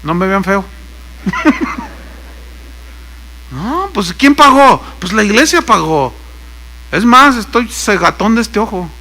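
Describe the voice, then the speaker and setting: A man's voice: sits high, expressive, a little slow, long pauses, sharp tone, slight background noise. A man with a Mexican accent preaching a sermon, telling stories and acting out the dialogue, with joking asides. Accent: Mexican Spanish. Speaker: pastor. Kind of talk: sermon with anecdotes.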